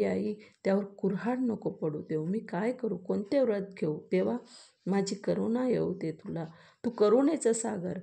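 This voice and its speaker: A woman's voice: mid-range voice, vocal fry, dark tone. A woman reading a storybook and voicing a mother who prays tearfully for her husband's safe return. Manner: pleading, tearful prayer. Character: praying mother, anxious devoted wife.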